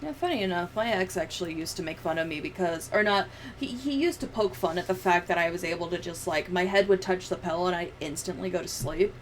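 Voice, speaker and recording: Speaking fast in a lowish voice, a young woman from the US chats casually while editing a video on a livestream, with plenty of swearing and sarcasm. The recording is rough, with clear background noise and room ambience.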